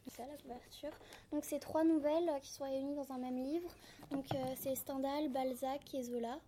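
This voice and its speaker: A woman's voice: sits high, fairly even intonation, moderate pace, mellow, slight background noise. A woman reading a classic French story aloud, introducing it with hesitant fillers and then reading steadily. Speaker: reader.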